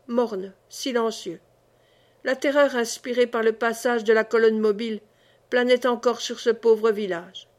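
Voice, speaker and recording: A woman reading a historical novel aloud in slow, deliberate, dramatic narration. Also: a little high. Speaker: audiobook reader.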